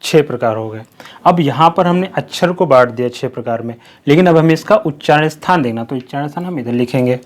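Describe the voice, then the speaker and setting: A man teaching Hindi grammar in a slow, repetitive way, asking questions and then answering them himself. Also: on the high side. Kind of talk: classroom-style lesson.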